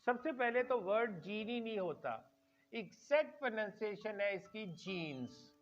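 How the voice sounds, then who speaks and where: A man giving a spoken pronunciation lecture, slow and deliberate, repeating each word for emphasis. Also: high voice, big pitch swings. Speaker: English pronunciation teacher. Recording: dull lo-fi sound with faint music.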